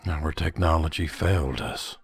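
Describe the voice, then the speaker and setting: A man voicing a grim, guilt-ridden older cartoon space commander, gravelly and brooding in a solemn dramatic monologue. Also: rumbling low, normal speed, exaggerated voice. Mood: grave regret. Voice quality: gravelly, raspy.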